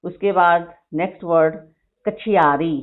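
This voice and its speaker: A woman teacher dictating a vocabulary list to her class, repeating each word slowly and explaining spelling. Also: on the low side, steady tone. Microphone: phone recording of an online class. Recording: tinny phone-like screen recording.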